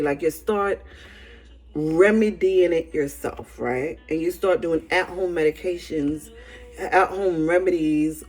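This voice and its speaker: Emphatic woman preaching informally over music. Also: fairly low pitch. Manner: animated, colloquial storytelling with frequent "right?" tags. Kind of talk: informal sermon with storytelling.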